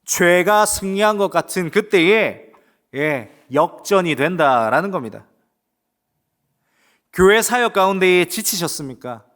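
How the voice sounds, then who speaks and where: Male pastor, sermon delivery: high, very lively pitch, emphatic climaxes and quiet drops, rhetorical questions to the flock. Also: a little slow. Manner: emphatic preaching with rising exclamations and quiet asides; asks the congregation rhetorical questions.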